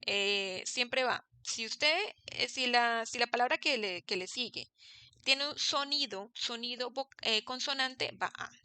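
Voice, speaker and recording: A woman's voice: on the high side, sharp tone, smooth, no echo. A young woman teaching an English grammar class, patiently checking that her students follow. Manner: patient, checks understanding with frequent "¿sí?". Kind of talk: recorded online class.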